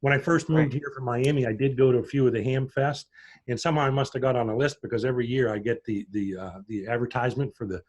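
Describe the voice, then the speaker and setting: A man's voice: medium pitch, steady tone, quick pace, a little mellow. A middle-aged man from Pittsburgh introducing himself on a video call, chatty and rambling as he tells his story. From Pittsburgh, USA. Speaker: prospective club member.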